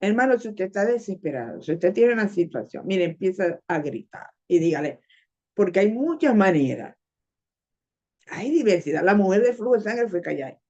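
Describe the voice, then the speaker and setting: A woman's voice: medium pitch, sing-song, moderate pace, a little mellow. A woman preaching a sermon with Bible reading, impassioned and repeating phrases to drive them home. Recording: dull lo-fi audio.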